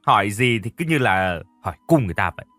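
A man's voice: on the low side, sing-song, quick pace, sharp tone, dry recording, soft background music, full character voice. A man voicing a young woman niece who argues back and then pleads in a told story. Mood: defiant. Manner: pleading, defiant, sobbing speech.

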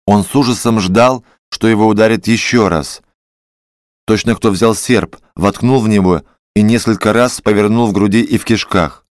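A man narrating a classic literary story in a measured, expressive audiobook reading. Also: mid-range voice, no echo, studio quality.

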